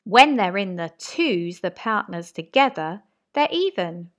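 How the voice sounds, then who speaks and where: A woman teaching a maths lesson to young children, talking slowly and encouragingly in a sing-song way. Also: medium pitch, lively intonation. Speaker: reception teacher.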